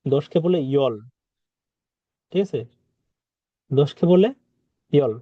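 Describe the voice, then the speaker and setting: A man's voice: on the high side, slow, no room sound, narrow, tinny audio. A man teaching a vocabulary lesson, patiently repeating words and quizzing the listener. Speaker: Korean language teacher.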